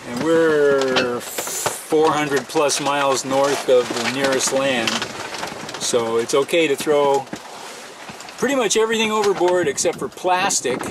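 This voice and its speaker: On a sailboat at sea, an older man co-hosting a sailing vlog chats casually from the cockpit about life aboard, explaining things plainly and easily while he films. His voice is mid-range, and the camera mic picks up clear wind and sea noise.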